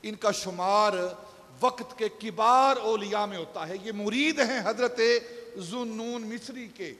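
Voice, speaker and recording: A man's voice: high voice, fairly bright tone, in a large hall. A man giving a Friday sermon, telling stories and rising to emphatic peaks. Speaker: pastor. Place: shrine mosque hall.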